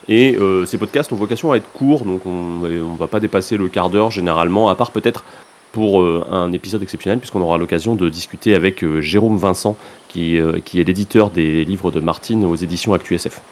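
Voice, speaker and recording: Low-voiced hesitant podcast host. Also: male voice, darkish tone. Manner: hesitant, with many filler sounds and restarts. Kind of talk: casual podcast chat.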